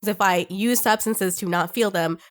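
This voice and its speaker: A woman co-hosting a casual comics podcast, talking warmly and emotionally and laughing often. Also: medium pitch, moderate pace. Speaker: podcast co-host. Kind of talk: casual chat about comics.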